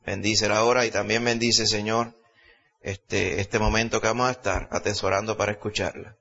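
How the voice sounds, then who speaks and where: A pastor with a Puerto Rican Spanish accent preaches and prays aloud in a church service, delivering a sermon emphatically and voicing earnest petitions. His lowish voice is level, brisk, creaky, bright, and forceful, captured in a dull lo-fi recording.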